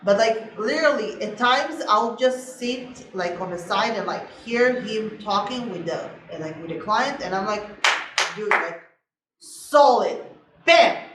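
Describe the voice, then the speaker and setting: Woman realtor, chatty vlog co-host, lively fillers, low-quality distant echoey stream sound. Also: a little slow, background noise. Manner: animated, lots of "like" fillers. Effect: low-quality sound after the mic died. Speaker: realtor, co-host of a couple's channel. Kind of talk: casual chat to camera.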